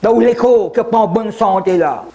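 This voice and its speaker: Speaking in a high, warm, unhurried voice on a lo-fi recording, a man in his seventies from Mauritius delivers a sermon. As a pastor, he repeats himself often, adds asides, and switches into English for brief moments.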